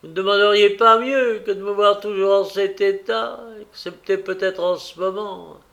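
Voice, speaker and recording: A bitter, defiant young woman who answers back with mocking scorn, voiced by a male audiobook reader. Her lines ride higher and louder than the narration, delivered at an unhurried pace. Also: fairly even intonation, dull audio. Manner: raised and mocking, taunting. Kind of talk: audiobook character reading.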